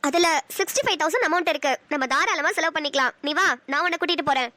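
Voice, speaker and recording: A woman's voice: high-pitched, quick pace, sharp tone, no room sound. A woman voicing a sweet, affectionate young woman in a cartoon. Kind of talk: Tamil cartoon dubbing.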